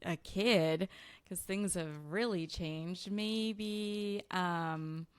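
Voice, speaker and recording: A woman's voice: fairly low pitch, very slow, smooth, no room sound. Woman, Chicago accent, podcast co-host, giggly, nervous, dry close mic. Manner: giggly, nervous, laughs a lot. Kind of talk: casual chat.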